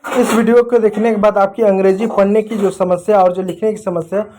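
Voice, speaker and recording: A man's voice: sits high, little pitch movement, fairly quick, mellow. A man teaching an English pronunciation lesson, explaining step by step and asking the viewer questions while he writes on a board. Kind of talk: classroom lesson.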